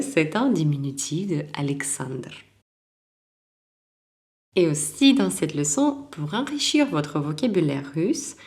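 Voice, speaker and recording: A woman teacher gives a lesson in a low voice. She speaks calmly and unhurriedly. She repeats each word clearly for the listener to practise. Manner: calm, clear instructional delivery, repeats words for practice. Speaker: language teacher. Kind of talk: recorded language lesson.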